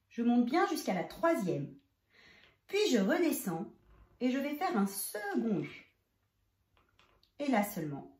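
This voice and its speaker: A woman teaching young children to write a letter, explaining each stroke step by step and speaking directly to the child. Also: medium pitch. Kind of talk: handwriting lesson for young children. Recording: roomy, echoey room.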